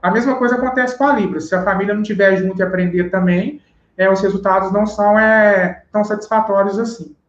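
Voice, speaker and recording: A man's voice: high-pitched, steady tone, fast. A man, a guest on an interview show, patiently explains step by step and often checks that he has been understood. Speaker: sign language teacher guest. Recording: roomy, dull live-stream audio.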